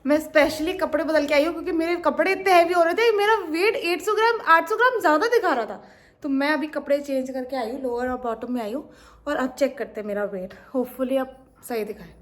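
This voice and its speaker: A young woman with an Indian accent, chatting quickly and casually as a vlogger. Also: high-pitched. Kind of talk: casual vlog chat in Hindi-English mix.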